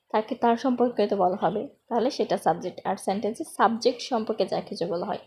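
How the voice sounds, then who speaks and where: Female grammar tutor, slightly high and husky, explains patiently and drills each example slowly. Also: a little mellow. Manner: explains step by step, slows down to spell out English examples. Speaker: English grammar teacher. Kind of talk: spoken grammar lesson.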